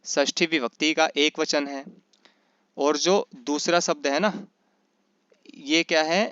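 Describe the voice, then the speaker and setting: Clear-voiced Sanskrit teacher, lo-fi audio. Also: male voice, on the high side, fairly even intonation, fairly bright tone, dry recording. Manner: asks and answers his own questions, chants rules slowly; often checks in with "is that right?". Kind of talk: online class lecture. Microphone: computer mic in an online class.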